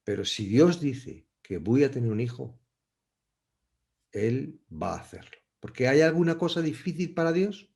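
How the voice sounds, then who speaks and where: A man leads a Bible study in a reflective, conversational style, frequently pausing and starting over as he hunts for the right words. His voice is medium in pitch, animated, gravelly, and slightly mellow.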